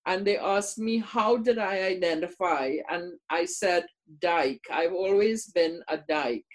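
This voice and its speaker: Speaking unhurriedly in a fairly low voice, an older woman from Trinidad and Tobago joins a casual conversation as a guest. A community workshop presenter, she is earnest and repeats words to drive points home.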